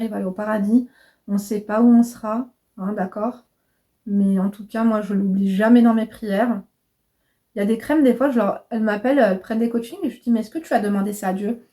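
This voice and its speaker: This vlogger and coach, a woman in her thirties, speaks in a mid-range voice with a dark tone. She chats casually and frankly to camera, cursing freely and calling viewers "mes crèmes."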